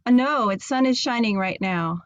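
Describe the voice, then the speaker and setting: A woman giving a casual talk over a video call from inside a camper van, nervous and halting with many fillers. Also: fairly high pitch, dry recording. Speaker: guest speaker. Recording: dull dry video call audio.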